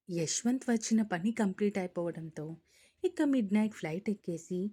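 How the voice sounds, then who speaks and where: A woman reading a romance story aloud as a storyteller, in an even narrating manner. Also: mid-range voice, breathy edge. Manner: reads all characters' lines in her own voice, mostly even narration.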